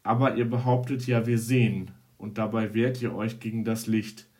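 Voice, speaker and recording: A man voicing Jesus as a calm male teacher, speaking slowly and solemnly in measured phrases. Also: on the low side, natural voice.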